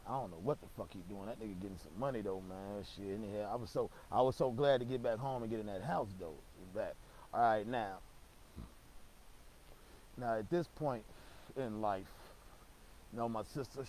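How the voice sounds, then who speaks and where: A man's voice: medium pitch, warm tone, a little hiss or hum, low-quality recording. A young man telling a casual story, rambling and slangy, with lots of swearing and stammered restarts.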